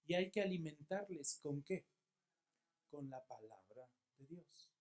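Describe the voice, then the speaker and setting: A man with a Mexican accent preaching a sermon as pastor, asking questions and answering them himself, with emphatic repetition that swings between loud and soft. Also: a little high, lively intonation, measured pace. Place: church.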